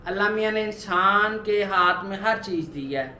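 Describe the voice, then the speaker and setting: A man's voice: high voice, normal speed, pushed and bright, echoey room, slight background noise. A man in his twenties talking earnestly in a personal vlog, urging viewers on with repeated motivational points. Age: 20s. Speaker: vlogger. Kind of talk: personal weight-loss vlog.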